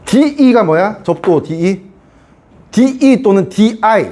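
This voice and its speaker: A man with a high, expressive, dark-toned voice speaks slowly while teaching a science class. His lecture is chatty, and he keeps checking that students are following and repeats key points.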